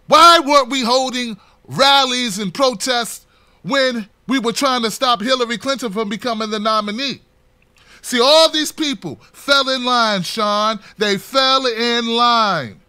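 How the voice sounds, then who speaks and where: Bright-voiced man on a fired-up political rant. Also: very high-pitched, a little slow, smooth, dry recording. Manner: impassioned, preachy, rising to near-shouts. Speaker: political commentary vlogger.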